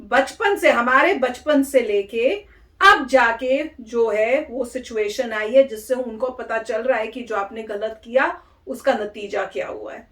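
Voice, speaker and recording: A woman's voice: on the high side, unhurried, fairly bright tone, reverberant. A woman from India hosting a reaction video, chatting casually and giving her opinions in a pleased, talkative way. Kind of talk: casual chat.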